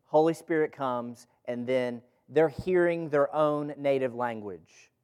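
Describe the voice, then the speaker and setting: A man with a medium-pitched, darkish, clear and resonant voice speaks slowly while leading a Bible study for a group gathered in a room. His informal teaching sermon includes scripture reading, and he preaches conversationally, posing rhetorical questions and repeating phrases for emphasis.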